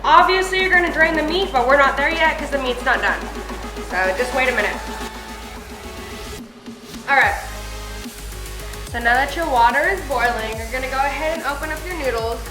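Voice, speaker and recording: A woman's voice: high voice, normal speed, long pauses. A woman hosting a home cooking video in a casual, chatty way, informal and rambling, recorded indoors in a kitchen. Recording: echoey room with background music.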